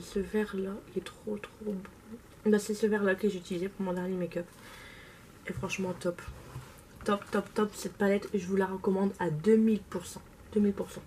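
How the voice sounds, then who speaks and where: An enthusiastic young woman chats casually to her camera, gushing and repeating her words for emphasis. Her pitch sits mid-range for a woman, and steady background noise runs under the home recording. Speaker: beauty vlogger. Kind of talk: casual haul video chat.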